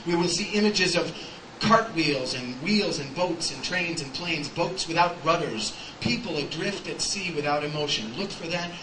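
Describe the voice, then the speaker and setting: A man's voice: on the high side, normal speed, background noise, lightly acted. A comedian on a club stage playing a pompous male professor who lectures a class in a pedantic, mock-scholarly way. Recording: echoey live club recording from far off, music.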